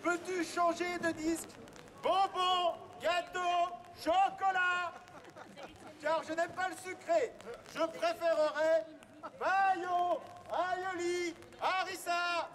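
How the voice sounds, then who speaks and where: A man's voice: very high-pitched, level tone, slow pace, a bit bright, slight background noise. A man works as a town crier, declaiming announcements and messages aloud in a public street. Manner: declaimed, projected public crying. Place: outdoors in an urban street. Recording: outdoor street recording with crowd. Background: crowd and street sounds.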